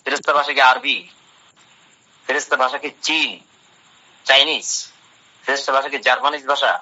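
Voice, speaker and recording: A man's voice: on the high side, sharp tone. A man giving a religious talk, translating Arabic phrase by phrase and asking and answering his own questions. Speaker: Islamic lecturer. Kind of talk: religious talk explaining Quran verses. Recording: dull lo-fi sound.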